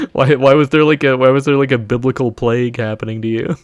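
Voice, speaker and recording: A man's voice: medium pitch, level tone, fairly quick, no echo, soft background music. A man casually chatting while streaming a video game, loose and sweary with frequent laughs. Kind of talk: casual gameplay livestream chat.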